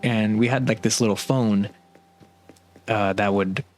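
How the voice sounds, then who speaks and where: A man's voice: fairly low pitch, fairly even intonation, unhurried, soft background music. A young man casually recounting a work story, rambling with lots of "like" and restarts, sounding bewildered. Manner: rambling, heavy use of "like", restarts; exasperated, bewildered retelling.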